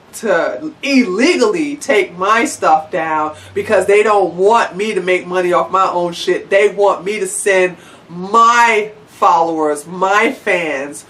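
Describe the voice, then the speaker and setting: A woman's voice: fairly low pitch, far from the mic. Woman ranting bluntly, a bit off-mic. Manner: blunt, swearing, animated, sarcastic. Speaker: vlogger. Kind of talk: angry profane rant to camera.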